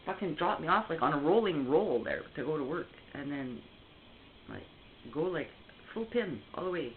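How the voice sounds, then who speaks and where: A woman's voice: low voice, lively intonation, normal speed. A woman, telling a story casually and heatedly on a call, swearing often and restarting her sentences. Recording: tinny phone line, faint hiss.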